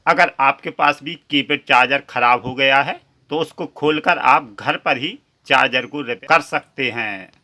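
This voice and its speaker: A man's voice: medium pitch, measured pace, bright, forceful tone. A man hosting a step-by-step repair tutorial in speech, chatty and addressing viewers as friends.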